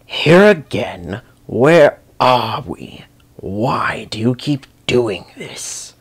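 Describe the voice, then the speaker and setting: A man voicing a menacing chaos spirit that speaks through a dead stallion, with a gravelly, echoey whisper and a snarling, threatening manner. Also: mid-range voice, sing-song, very slow, full character voice. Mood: bewildered angry.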